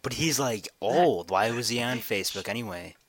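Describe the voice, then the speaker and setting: A man's voice: mid-range voice, lively intonation, normal speed, no echo. A young man co-hosting a casual gaming podcast, joking around and laughing often. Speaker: podcast co-host.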